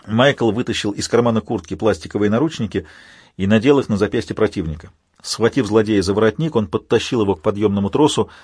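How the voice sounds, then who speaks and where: Husky guy reading an audiobook, even and steady, dead dry mic. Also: lowish voice, dry recording. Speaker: audiobook narrator. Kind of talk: scripted narration.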